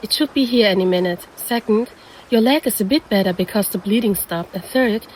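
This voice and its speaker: Voicing a siren who pretends to be a lifeguard and preys on the listener, a woman teases him as handsome, sounding concerned and puzzled. Her mid-range voice is a little fast and mellow, close to everyday speech, on a rough recording with slight background noise.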